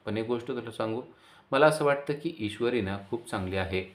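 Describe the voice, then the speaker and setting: A man's voice: mid-range voice, brisk, close to an everyday voice. A man voicing a grown woman, an affectionate elder sister who scolds and teases her younger brother. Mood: fond. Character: adult woman, loving elder sister, teasing.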